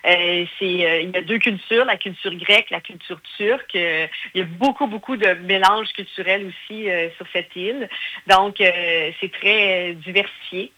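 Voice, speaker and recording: Chatty Québécois woman with bright tone. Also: fairly low pitch, moderate pace, rough recording. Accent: Québécois French. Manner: chatty, hesitant with many fillers. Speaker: guest. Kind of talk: casual interview.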